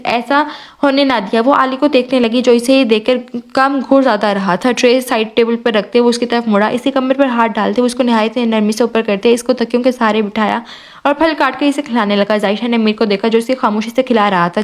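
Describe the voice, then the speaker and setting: A woman narrates an audio novel. Her reading is steady and even. Her voice sits fairly high.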